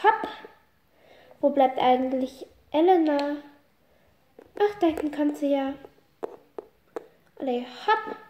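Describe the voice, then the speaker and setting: A woman's voice: high voice, measured pace, pauses often, dark tone, a little hiss or hum. A woman narrating and voicing a horse-riding game role-play, with chatty, exasperated asides.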